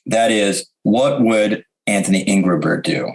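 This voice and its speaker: A man chatting casually and jokingly as a podcast guest, often halting and repeating words as he thinks. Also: lowish voice, lively intonation, creaky.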